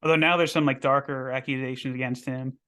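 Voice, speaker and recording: Hoarse man, flat blunt delivery. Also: mid-range voice, quick pace. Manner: blunt, swears freely. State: losing his voice. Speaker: podcast co-host. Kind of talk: casual chat.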